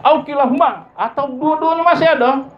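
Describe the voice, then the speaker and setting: A man giving a sermon, his voice jumping high for emphasis as he acts out everyday family dialogue. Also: fairly quick. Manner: lively pitch leaps, acts out dialogue of parents and children. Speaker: preacher. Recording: dull lo-fi recording with faint ambient noise.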